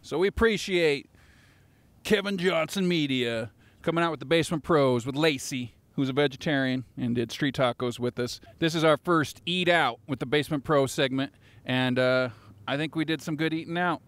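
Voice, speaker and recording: A man hosting a casual food vlog outdoors, trading deadpan jokes in a playful, mock-newscaster way. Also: fairly high pitch, moderate pace, dry recording. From Utah. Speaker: vlog host. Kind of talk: joking casual commentary. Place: outdoors at street taco stands. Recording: music playing behind.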